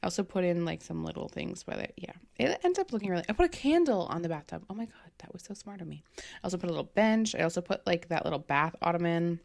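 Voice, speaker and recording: A woman's voice: fairly low pitch, animated, fast, creaky, darkish tone. A young woman, rambling casually and with self-deprecating humor in a voice-over about her game build. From American Midwest. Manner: rambling, chatty, self-deprecating, lots of fillers. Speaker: game content creator.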